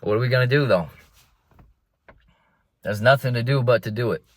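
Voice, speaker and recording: A man's voice: medium pitch, normal speed, dry recording. A young man vlogging from inside a car, rambling in a laid-back way and calling his listeners bro. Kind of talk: casual rambling monologue.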